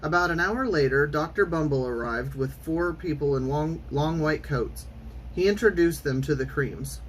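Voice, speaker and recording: A man reading a children's storybook aloud in an expressive, theatrical way with clear enunciation. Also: on the high side, moderate pace, a little hiss or hum, poor audio. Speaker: storytime reader.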